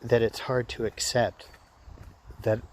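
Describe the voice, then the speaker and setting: A man talking casually to his vlog in a reflective, halting way, often repeating phrases as he works through his thoughts. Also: mid-range voice, flat delivery, a little hiss or hum, rough recording. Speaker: vlogger. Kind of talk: casual personal vlog monologue.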